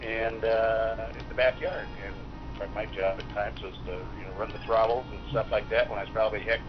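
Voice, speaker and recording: A middle-aged man from Utah, an airline pilot, talking calmly over a speakerphone and explaining things with frequent pauses. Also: lowish voice, music in the background. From Utah, USA. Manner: calm, explanatory, pauses often to think. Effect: heard over a speakerphone. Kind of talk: casual phone interview. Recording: muffled speakerphone call with steady noise.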